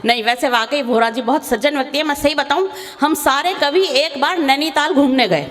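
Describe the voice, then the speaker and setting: A young woman stage poet with a high voice tells comic stories in a chatty, playful way and now and then slips into sung verse. She sounds like she is on a big stage, with a long hall reverb around her. Faint noise sits underneath. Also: brisk. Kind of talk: comic poetry recital. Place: large hall with live audience.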